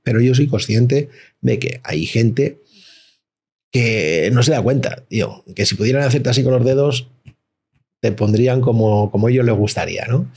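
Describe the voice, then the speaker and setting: Gravelly, husky-voiced man in his 40s, slangy and animated, acting out voices as he tells stories. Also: mid-range voice, moderate pace. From Madrid, Spain. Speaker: guest, rapper. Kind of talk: casual interview chat.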